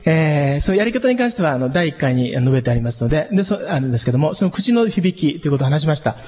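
A man, a church pastor, giving a casual spoken lesson on singing and microphones, chatty with many fillers and lively leaps in pitch. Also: very fast. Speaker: church pastor teaching singers. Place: church hall. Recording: dull lo-fi sound with long reverb.

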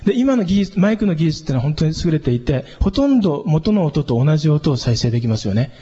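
A man, a church pastor, giving a casual spoken lesson on singing and microphones, chatty with many fillers and lively leaps in pitch. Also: quick pace, slightly rough. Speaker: church pastor teaching singers. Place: church hall. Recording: dull lo-fi sound with long reverb.

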